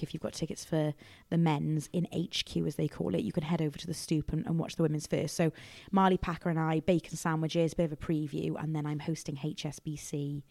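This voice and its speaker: A woman in her thirties, a rugby presenter chatting on a podcast in a teasing, quick-witted way. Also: low-pitched, vocal fry, a little mellow, no room sound. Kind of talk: casual podcast chat.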